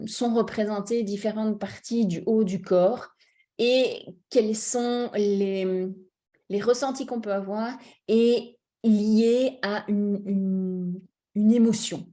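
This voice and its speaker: A woman coach gives a conference talk in French on emotions, drawing on personal examples and speaking straight to her audience while checking they understand. Her voice is mid-range with a dark tone, and she's hesitant, with many fillers and restarts.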